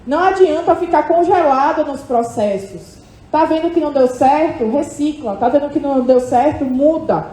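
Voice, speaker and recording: A woman psychologist giving an animated seminar talk to an audience, often checking in with quick tag questions. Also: high voice. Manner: animated, lively, questioning "tá?" tags. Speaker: psychologist speaking at a condo managers' event. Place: hotel event hall with audience. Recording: echoey hall.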